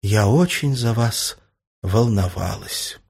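A man reading the part of a calm, practical woman, the narrator's wife, in a husky voice. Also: fairly high pitch, moderate pace, pitched above the performer's own voice. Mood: worried.

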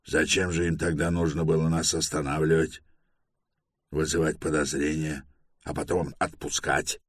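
A man voicing a raspy, argumentative older male scholar in an audiobook. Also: very deep voice, level tone, normal speed, no echo, clean studio sound. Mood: reasoning.

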